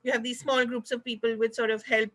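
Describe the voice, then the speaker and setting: A woman's voice: on the high side, flat delivery, fast, fairly bright tone. A woman with an Indian accent hosting a conversational online interview, polite and somewhat rambling as she frames her questions. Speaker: host of an online talk show. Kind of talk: conversational interview, video call. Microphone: video call.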